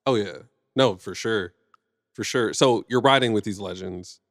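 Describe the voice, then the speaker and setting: A man's voice: lowish voice, unhurried, a bit bright, no echo, studio quality. A man hosting a podcast in a casual, playful manner. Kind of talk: casual chat.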